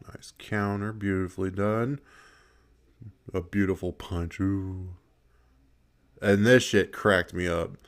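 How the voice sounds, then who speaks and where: A man's voice: deep voice, steady tone, slow pace, pauses often. A man giving casual gameplay commentary, swearing a lot, laughing often and rambling with restarts. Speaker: gaming video creator.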